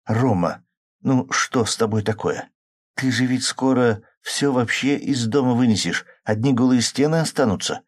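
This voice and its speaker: A man's voice: medium pitch, moderate pace, no echo, voice pushed up, close to an everyday voice. A man voicing an upset young woman who sighs and pleads plaintively, in an audiobook. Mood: pleading. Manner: plaintive, sighing. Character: upset young woman, worried about her drinking man.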